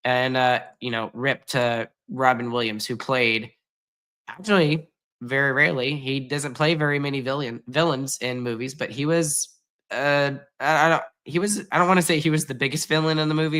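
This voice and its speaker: A man's voice: mid-range voice, bright, forceful tone. A man co-hosting a casual podcast, a music teacher who talks emphatically and gushes as he urges listeners on. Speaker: podcast co-host; junior high music teacher.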